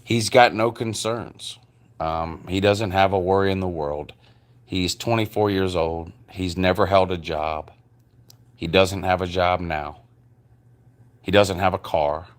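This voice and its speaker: Deep-voiced man with slow, slurred, drunken speech. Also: steady tone, clear, resonant tone. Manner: halting, repetitive, drawn-out delivery. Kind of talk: rambling personal rant addressed to one person.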